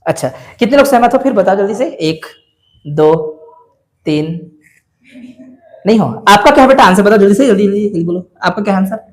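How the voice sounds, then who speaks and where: A man's voice: high voice, expressive, a little fast, pauses often. Man teaching a math class. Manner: coaxing, questions students often. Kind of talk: classroom lecture.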